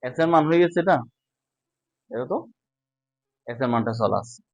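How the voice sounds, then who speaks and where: A man teaches at a whiteboard, walking through each step and pausing to ask if students follow. His voice sits at an ordinary middle pitch. The sound is dry, with little room echo. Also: animated, a little mellow. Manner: explains step by step, often checking understanding. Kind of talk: casual whiteboard lesson.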